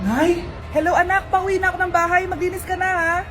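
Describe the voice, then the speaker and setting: High-voiced woman acting comedy sketches. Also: fairly even intonation, fast talker. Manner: playful voice-switching between mother and child. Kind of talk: acted comedy sketch playing many parts. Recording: music behind.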